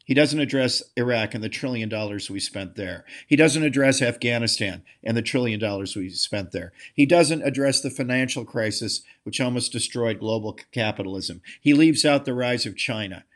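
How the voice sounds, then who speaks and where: A man's voice: normal speed, hardly any pauses. A middle-aged man hosting a podcast, delivering an opinionated political monologue with emphatic, scornful phrasing and punchy repeated lists. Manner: emphatic and scornful, with lively swings in pitch and volume. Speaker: podcast host and political commentator.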